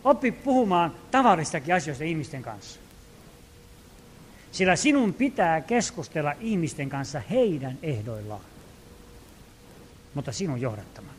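A man with a notably high voice delivers a sermon as a pastor. He preaches earnestly, rising to loud calls and dropping to quiet, hushed asides. He acts out the prayers and commands he quotes. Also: sing-song, pauses often, slight background noise.

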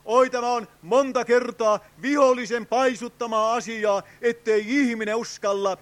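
An older evangelist at a tent revival calls out to his friends and cries a long "oh" again and again, pleading fervently. He has a very high, slightly bright voice whose intonation stays fairly even.

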